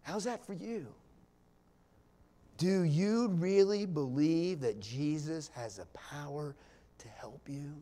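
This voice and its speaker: Male pastor, slightly high voice, slow deliberate sermon, whispers that build to passionate loud peaks, folksy asides. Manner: swings from hushed near-whispers to loud impassioned climaxes, drawn-out pauses; folksy, with small laughs and asides. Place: church sanctuary.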